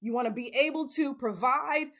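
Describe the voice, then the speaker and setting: A woman's voice: high-pitched, normal speed, a bit bright. Earnest woman in her late thirties. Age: 30s. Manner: earnest, emphatic, repeats phrases for stress. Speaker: self-help channel host. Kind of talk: casual motivational talk to camera.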